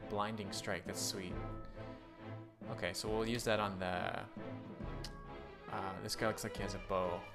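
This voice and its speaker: A man doing casual live-stream game commentary, chatting to viewers, thinking out loud and reading game text aloud. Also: fairly low pitch, little pitch movement, measured pace, pauses often, over loud music.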